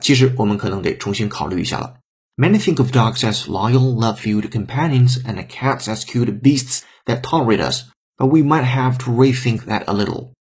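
Husky-voiced man teaching English. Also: medium pitch, expressive, moderate pace, darkish tone. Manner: breaks down words and phrases step by step, spells letters out. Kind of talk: explanatory language lesson.

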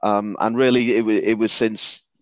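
A man's voice: lowish voice, flat delivery, normal speed, fairly bright tone, no room sound. A man with a Northern English accent hosting a podcast, chatty and casual, often repeating words as he talks. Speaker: podcast host.

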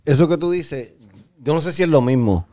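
A young man co-hosting a podcast, telling a story in relaxed, slangy talk. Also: a little high, normal speed, no room sound, studio quality. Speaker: podcast co-host. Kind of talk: casual storytelling chat.

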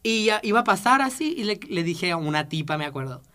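Mexican man, podcast co-host, casual chat, bright forceful voice, lively storyteller, swears a lot. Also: high voice, quick pace. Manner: animated storyteller, swears freely. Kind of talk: casual chat among friends.

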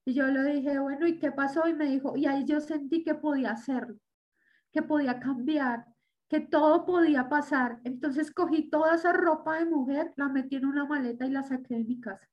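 A woman with a high voice speaks briskly, and the audio is dull. Appearing as an interview guest, she recounts a personal faith story, performing other people's lines as she goes.

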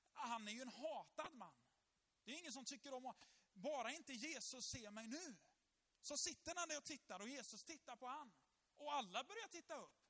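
A male pastor preaching, retelling a story vividly and checking that the congregation is following. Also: high-pitched. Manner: lively storytelling, asks the congregation along. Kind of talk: sermon.

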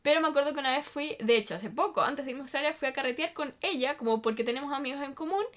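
A young woman with a Chilean accent, chatting casually and telling an animated story, acting out quotes. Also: high voice, very fast. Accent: Chilean Spanish. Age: young adult. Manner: animated storytelling, repeats for emphasis, acts out quotes. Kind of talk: casual chat.

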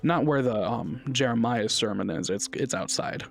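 A man's voice: medium pitch, normal speed, vocal fry, faint music behind. Chatty male game master. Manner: relaxed, chatty narration with fillers. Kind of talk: narrating a tabletop game.

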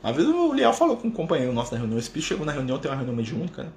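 A man's voice: fairly high pitch, huge pitch swings, rapid-fire, darkish tone. A Brazilian man leading an informal live spiritist study, talking conversationally with rhetorical questions and frequent tag questions. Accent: Brazilian Portuguese. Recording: echoey room with faint noise.

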